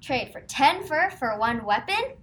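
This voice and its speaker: A woman's voice: sits high, big pitch swings, a little slow, a bit bright, full character voice. A woman playing a sly, mocking foreign trader in an amateur historical skit. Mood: sly bargaining. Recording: noisy amateur recording.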